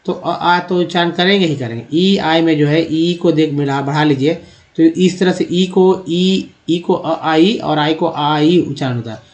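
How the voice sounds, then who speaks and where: A man teaching English pronunciation, asking and answering his own questions in a steady drilling rhythm. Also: a little high. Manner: addresses viewers as friends. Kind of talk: explaining with written examples on screen.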